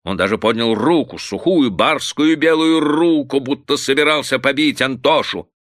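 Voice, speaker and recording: A man narrating a literary story in an expressive, lively reading. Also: mid-range voice, moderate pace, dry recording, studio quality.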